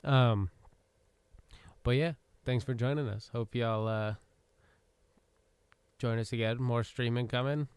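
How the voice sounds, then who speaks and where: A man hosting a gaming livestream who chats loosely, rambles and swears casually while he has the hiccups. His voice is very clear and dry, and he speaks close to the mic. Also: mid-range voice, steady tone, slow, long pauses, dry recording. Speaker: livestream host. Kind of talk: casual gaming stream chat.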